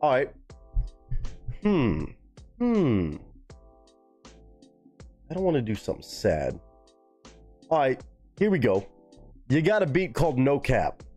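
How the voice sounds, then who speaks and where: A man chatting casually on a live stream, his voice moving in a lively, animated way. He talks loosely and swears freely while answering his chat. Faint music plays behind him. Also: mid-range voice, slow pace, pauses often.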